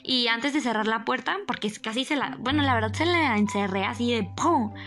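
Animated young Mexican woman telling a story. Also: normal speed, music in the background. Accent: Mexican Spanish. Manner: animated, dramatic, jumps up in pitch for emphasis. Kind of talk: casual storytelling to camera.

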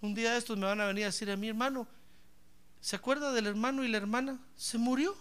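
A man preaching a lively sermon, joking with the congregation and breaking into shouted praise. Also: extremely high pitch, fast talker, smooth. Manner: fervent, joking, bursts into shouted praise, keeps calling the listener brother.

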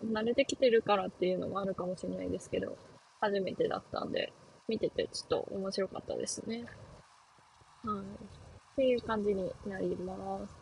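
A woman's voice: mid-range voice, creaky, slight background noise, rough recording. A young woman hosting a casual solo talk show, chatting and laughing with many fillers. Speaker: podcast host.

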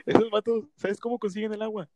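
A man's voice: high voice, flat delivery, fast, background noise. A young man with a Mexican Spanish accent, co-hosting a casual podcast, joking and teasing and laughing often. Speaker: podcast co-host.

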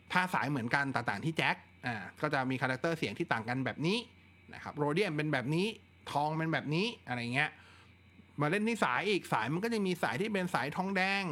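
Chatty man hosting a tech livestream. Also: on the high side. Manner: relaxed, chatty, answers viewer questions with frequent fillers. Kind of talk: casual live Q&A chat.

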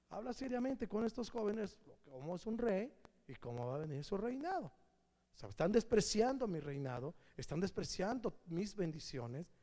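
A man's voice: high-pitched, warm tone. A man with a Mexican accent preaching a sermon to a congregation in a loose, slangy way, sometimes putting on voices for the people he quotes. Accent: Mexican Spanish. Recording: long hall reverb.

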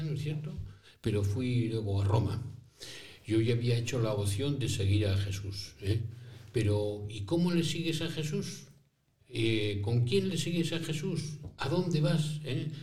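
A man's voice: medium pitch, a little mellow, lightly acted. A man playing an old male priest who founded schools for poor children, telling his story in first person with rhetorical questions and little acted-out dialogues. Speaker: interviewee in character. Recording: roomy echo, voice from a distance.

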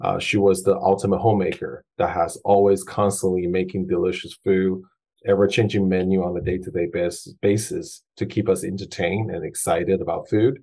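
A man's voice: sits low, little pitch movement, moderate pace, mellow, husky. A man in his forties, originally from Taiwan, talking as a guest chef in a casual interview, with frequent fillers and restarts. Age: 40s. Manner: hesitant, many fillers and restarts.

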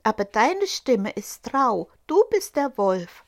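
A woman voicing seven young goat kids in a fairy tale, in a high, childlike voice. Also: sing-song, slow pace, heavily acted. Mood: wary insistent. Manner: high, bright childlike chorus voice.

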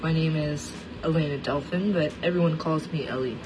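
A Russian-born woman in her twenties with a low voice hosts a personal monologue podcast, reflecting earnestly on her life with a steady delivery. She talks at normal speed, and the background is noisy.

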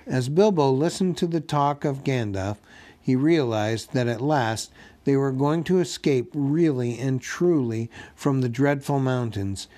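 A man narrating a storybook aloud, slow and deliberate, giving each phrase room. His voice sits at an everyday middle pitch, and his reading is gently expressive without rushing. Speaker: audiobook narrator.

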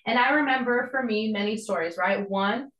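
A woman's voice: on the high side, moderate pace, a bit bright. A woman, giving a conversational, earnest devotional teaching with casual asides. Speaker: podcast host and church planter. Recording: echoey room.

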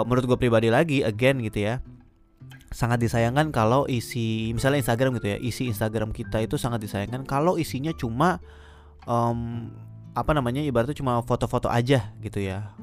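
A man's voice: mid-range voice, fairly quick. A man hosts a casual solo podcast over background music. He speaks with a slight lisp that slurs his r sounds. He often circles back and rephrases as he gives his opinions. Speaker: podcast host.

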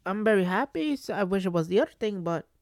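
A woman's voice: mid-range voice, lively intonation, fast, darkish tone, no echo, clean studio sound. A woman hosting a solo podcast, telling stories casually in a rambling way that circles back and repeats phrases. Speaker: podcast host.

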